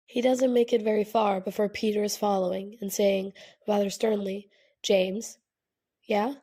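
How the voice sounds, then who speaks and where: A woman narrating a fan fiction audiobook in a steady, measured reading. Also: medium pitch.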